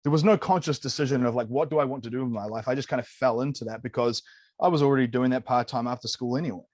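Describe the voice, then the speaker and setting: In a clean studio recording without room sound, a New Zealand-accented nutritionist in his late thirties tells his story quickly and casually in an interview. His mid-range voice is a little mellow, and he's candid and enthusiastic, often dropping "man" and "dude."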